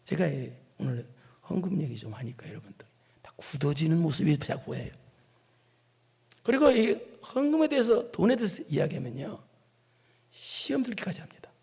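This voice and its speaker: A man preaching a sermon as pastor, animated, with rhetorical questions and scolding tones. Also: fairly high pitch, moderate pace, vocal fry, pauses often, husky, long reverb tail. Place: church sanctuary.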